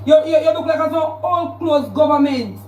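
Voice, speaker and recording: High-voiced Jamaican woman ranting on a livestream. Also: moderate pace, dark tone, roomy sound, recorded from a distance, low-quality recording. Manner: confrontational, repetitive, calling out a rival. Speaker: social media livestreamer. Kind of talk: heated livestream rant.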